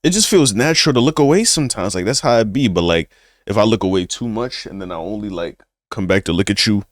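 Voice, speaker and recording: A young man with a very low voice talks through a reaction video in an easy, slangy way. He speaks casually and keeps calling his listeners bro. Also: expressive, fast, dry recording, clean studio sound. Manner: laid-back slangy banter, addresses viewers as bro.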